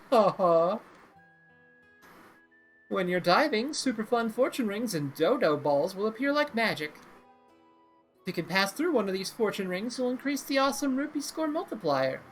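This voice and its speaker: A man's voice: sits high, voice pushed up. A man voicing a silly, gleeful carnival clown from a video game, exclaiming and gushing in sing-song showmanship. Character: manic, gleeful carnival clown running a fun island game. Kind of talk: video game character read-aloud.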